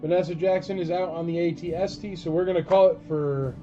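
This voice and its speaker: Higher-voiced man as a casual live auctioneer. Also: steady tone, fairly quick, muffled recording, over music. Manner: informal auctioneer patter with emphatic calls. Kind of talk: auctioneer running a casual live collectibles sale.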